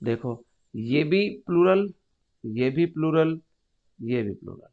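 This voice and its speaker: A man's voice: on the high side, animated, takes it slowly. A man teaching an English grammar lesson to a class, explaining step by step and quizzing his students. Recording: muffled lo-fi recording.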